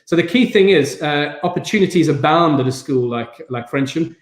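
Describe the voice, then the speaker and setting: A man's voice: fairly high pitch, animated, moderate pace, reverberant. A middle-aged man with a South African accent, a school head speaking informally on a video call, with fillers and restarts. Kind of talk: virtual event talk.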